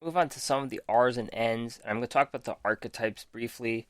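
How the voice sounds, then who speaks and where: The man's mid-range voice has fairly even intonation and a fairly quick pace, captured echo-free at studio quality. Hosting a casual card game review podcast, he reads card text methodically and reviews it with frequent ums while losing his voice.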